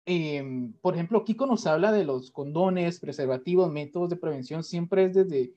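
A man's voice: a little high, moderate pace, dark tone. A man hosting a casual panel chat, rambling along with many fillers and restarts. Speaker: host. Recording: dull lo-fi sound.

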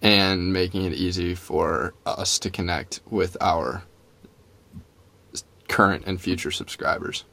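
A young man co-hosting a loose podcast chat, playful and teasing. His voice sits a little low for a man and comes across easygoing. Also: steady tone, slow pace, gravelly, bright, forceful tone. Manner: joking, teasing. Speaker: podcast co-host. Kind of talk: casual chat.

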